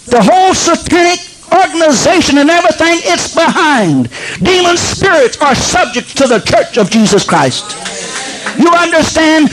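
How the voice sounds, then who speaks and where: A man preaching a sermon, swinging between low storytelling and shouted proclamation and asking the congregation whether they understand. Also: low-quality recording. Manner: asks the congregation for agreement.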